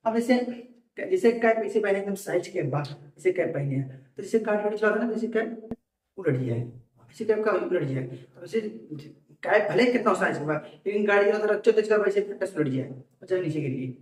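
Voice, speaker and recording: A man's voice: high voice, expressive, normal speed, a little mellow. A man teaching an exam-prep vocabulary lesson, drilling words by asking a question and answering it himself. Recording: echoey room, voice from far off.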